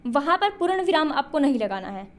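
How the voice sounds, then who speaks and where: A woman's voice: sits high, big pitch swings, brisk. A woman teaching an online exam-prep lesson, explaining step by step and often asking her students questions before answering them.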